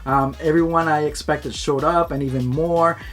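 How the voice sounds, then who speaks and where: A man's voice: fairly high pitch, fairly even intonation, normal speed. A man chatting casually and cheerfully about a busy video shoot. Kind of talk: casual chat.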